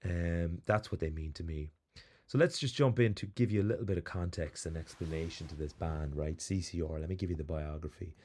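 Man, very low voice, podcast host, casual rambling storytelling, animated. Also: brisk, husky. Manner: rambling, animated, lots of fillers.

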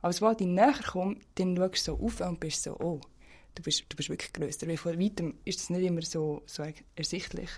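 A woman with a Swiss German accent talks quickly in a lowish voice, chatting frankly as a guest. She often restarts her sentences mid-thought. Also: a little mellow. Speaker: interview guest. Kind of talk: casual personal conversation.

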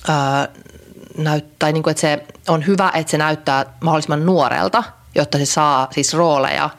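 A woman's voice: deep voice, fairly even intonation. A young adult woman co-hosting a podcast, chatting in a rambling way with many fillers and restarts. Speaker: podcast co-host. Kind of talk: casual chat.

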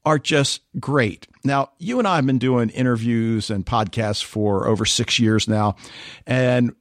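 Podcast guy chatting about tv shows, animated, dry mic. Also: mid-range voice, unhurried, dry recording. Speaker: podcast co-host. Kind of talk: casual podcast chat.

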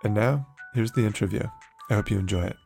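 A man hosting an architecture podcast, reading a scripted introduction in a measured presenter's delivery and then asking his guests questions. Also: lowish voice, gravelly, darkish tone, faint music behind. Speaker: podcast host.

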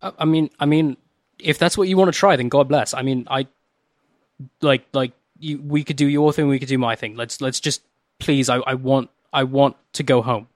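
A man's voice: mid-range voice, moderate pace, no echo, studio quality. A man playing a tabletop game, often stammering and repeating words. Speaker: player.

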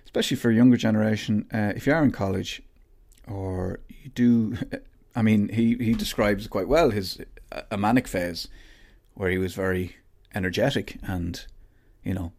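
Low-voiced man, rambling and informal. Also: normal speed, darkish tone. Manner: informal, rambling, thinking aloud. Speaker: podcast host and interviewer. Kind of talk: casual conversational interview.

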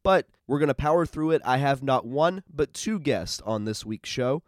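A man's voice: mid-range voice, animated, normal speed, no echo, clean studio sound. A man hosting a podcast while fighting a cold, his voice stuffy and a little nasal, chatting upbeat with plenty of fillers. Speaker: podcast host. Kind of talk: casual podcast interview.

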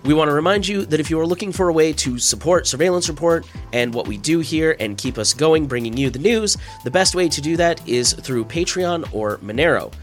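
This podcast host has a fairly high, slightly scratchy voice, and a cold leaves him a bit stuffy-nosed as he reads news stories. He's expressive and brisk with few pauses, keeping things plain and conversational with casual asides. Faint music plays behind him.

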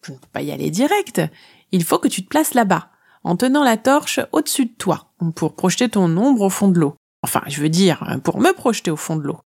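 A woman voicing a girl's cheeky talking shadow in a children's audio story, matter-of-fact and quick to tease. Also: mid-range voice, very animated, vocal fry, darkish tone, slightly rough, heavily acted. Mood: scheming.

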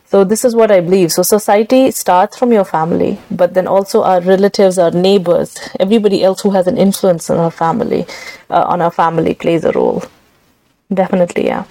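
A woman's voice: on the low side, a little fast, creaky, warm tone, no echo, poor audio. A woman from Kashmir with a Kashmiri accent, answering interview questions in an emphatic, explanatory conversational way. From Srinagar, Kashmir. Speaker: guest researcher being interviewed.

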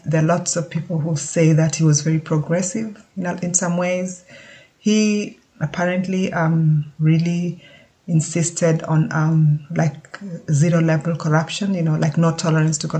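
A speaker from Kenya, giving a casual spoken update in a halting, thoughtful way and often pausing to search for words. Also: medium pitch, darkish tone.

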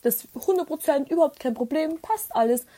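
A woman's voice: sits high, lively intonation, a little fast, mellow, pitched above the performer's own voice. A woman imitating a casual male building manager in his thirties as she retells a story, sounding offhand and breezy.

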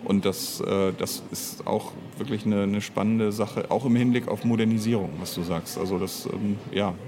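This lowish, steady-toned voice belongs to a middle-aged audio drama writer and director in a relaxed interview, speaking at a moderate pace over background noise. He muses out loud, hesitates, and keeps interrupting himself to put things another way.

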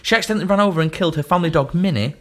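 A man's voice: a little high, very fast, a bit bright. A man co-hosting a casual podcast, teasing his friend and swearing freely. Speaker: podcast co-host.

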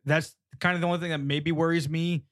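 A man co-hosting a casual sports podcast, chatty and quick to laugh, often repeating his words. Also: a little high, little pitch movement, no echo, studio quality. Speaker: podcast co-host.

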